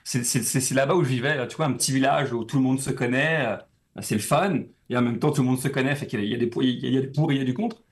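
A quick-talking young man from France, speaking as an interview guest. His pitch sits in a middle range. His speech rambles easily and is full of fillers. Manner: relaxed, rambling, frequent fillers. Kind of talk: casual interview conversation.

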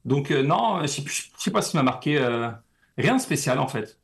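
A young man from France, a guest in a casual interview, talking in a relaxed, rambling way with many fillers. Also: mid-range voice, moderate pace, vocal fry.

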